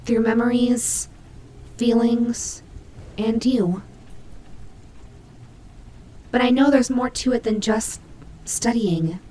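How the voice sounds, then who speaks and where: A woman voicing a tsundere nightmare animatronic rabbit, gruff but protective, in an intimate, hesitant roleplay audio drama style. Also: fairly high pitch, a little hiss or hum, low-quality recording. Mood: gentle, reassuring. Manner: hesitant, halting, flustered tsundere softness.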